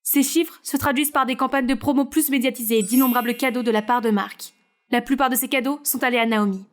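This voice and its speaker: Female storyteller, high pitch, steady scripted narration. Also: fast, soft background music.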